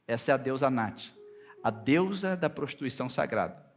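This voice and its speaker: Over soft background music, an animated pastor with a Brazilian Portuguese accent preaches a sermon. He slows down to draw out scripture readings and climbs to loud, high passages when quoting God and Moses.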